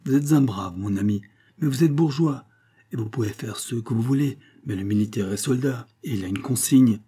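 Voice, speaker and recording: Man playing a defiant soldier, blunt and loud, audiobook reading. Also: mid-range voice, normal speed, breathy edge, close to an everyday voice. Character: defiant male soldier of the guards.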